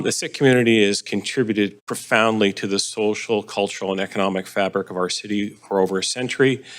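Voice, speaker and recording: Low-voiced councillor speaking at a meeting. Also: male voice, a bit bright. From Canada. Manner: measured, with frequent filler pauses. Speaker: city councillor.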